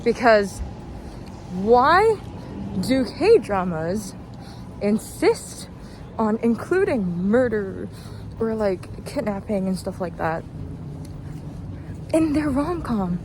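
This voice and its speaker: Strolling along a street, a young adult woman rambles through casual vlog commentary, hesitant and informal, her thoughts trailing away. Her medium-pitched voice swings widely in pitch, moving slowly with long pauses. Street and vehicle noise come through clearly in this noisy outdoor recording.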